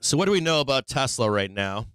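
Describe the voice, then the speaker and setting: This stock market livestream host is losing his voice to illness, yet he talks through his charts casually, peppering his thoughts with rhetorical "right?"s. He sounds very animated and quick, with a medium, slightly bright, smooth voice captured in clean studio sound with no room noise.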